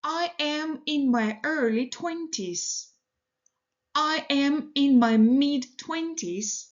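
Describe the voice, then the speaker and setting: A woman teaching English reads example sentences for learners slowly, deliberately, and at an even pace. Her voice sits high, and the recording has its high frequencies cut off.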